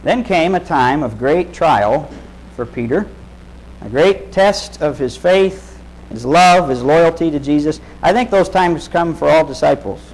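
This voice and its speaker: A man's voice: on the high side, unhurried, a little mellow, poor audio. A man preaching a sermon, retelling a story in casual, vivid terms and putting direct questions to his listeners.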